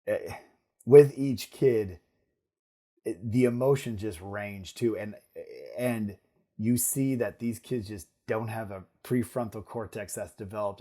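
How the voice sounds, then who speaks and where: A middle-aged man talks through family stories on a podcast, with a mellow, warm tone. His delivery is lively and full of restarts, as if he is thinking aloud while he tells them. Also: fairly low pitch. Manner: animated storytelling with restarts and laughs. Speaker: guest, surgeon and father. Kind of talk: casual podcast conversation.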